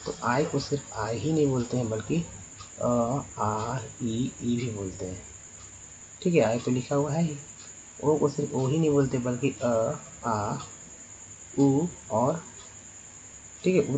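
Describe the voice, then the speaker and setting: A man teaching English pronunciation as a spoken lesson. He spells words letter by letter, slowly and with many repeats. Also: medium pitch, dark tone, a little hiss or hum, rough recording.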